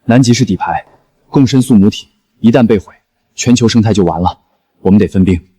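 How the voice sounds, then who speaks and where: A man's voice: fairly low pitch, a little fast, warm tone, slightly rough. An actor playing a resolute, intense young man who leads an ocean team by intuition, in a screen drama. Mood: grave, brooding.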